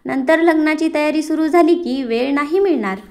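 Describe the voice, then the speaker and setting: A woman voicing an easygoing middle-aged father who calms things with gentle jokes. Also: high voice, moderate pace.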